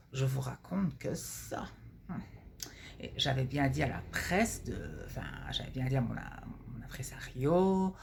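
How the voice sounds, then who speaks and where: A woman playing a vain, flirty blonde Parisian cabaret star who confides gossip coyly in a theatrical comic sketch monologue, her voice husky. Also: low voice, a little hiss or hum, heavily acted. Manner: coy, confiding, theatrical drawn-out words.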